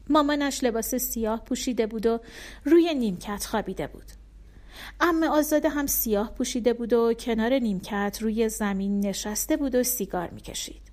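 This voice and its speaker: Casting: female audiobook narrator, calm storybook reading, fairly high voice.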